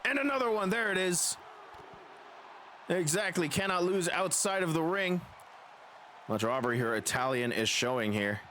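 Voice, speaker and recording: A man doing dramatic, excited pro wrestling play-by-play in the manner of a ringside announcer. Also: high voice, normal speed, long pauses, slight background noise. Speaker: streamer and wrestling commentator.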